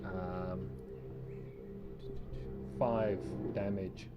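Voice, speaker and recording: Running a tabletop game, a man narrates and makes rulings casually and somewhat hesitantly, his low-pitched voice level in tone with drawn-out words. The recording has its highs cut off, and background music plays under the game talk.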